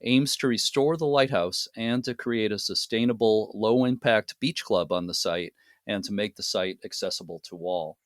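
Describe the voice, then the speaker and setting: Man, podcast host, low voice, dry close sound, relaxed friendly interviewer. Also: moderate pace, no room sound.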